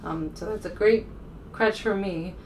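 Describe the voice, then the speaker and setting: In an unhurried, mid-range voice, a woman from the United States chats to camera in a casual, rambling vlog. She's informal and hesitant, working things out aloud. There's faint room noise from the distant mic.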